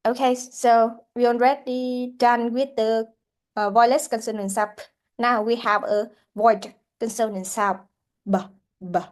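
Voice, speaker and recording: A woman teaching a pronunciation lesson, speaking haltingly with many fillers and repeated words. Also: fairly high pitch, level tone. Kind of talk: classroom lesson explanation.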